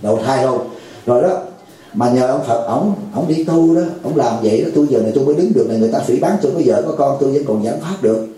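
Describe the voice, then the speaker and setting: A man's voice: medium pitch, lively intonation, fast talker, mellow, heavy reverb, low-quality recording. A man giving a dharma talk to a lay audience, jovial and teasing, acting out a pleading caller. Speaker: Buddhist monk teacher.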